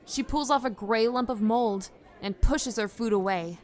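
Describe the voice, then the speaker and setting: A woman's voice: on the high side, normal speed, a little mellow. Woman narrating plainly. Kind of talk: scripted narration.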